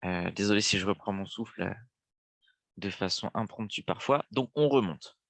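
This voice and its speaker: A young French man with a cold-stuffed nose hosts a live trading webinar, casually guiding viewers and thinking aloud with plenty of fillers. His voice is lowish and creaky, at a moderate pace, recorded with no echo.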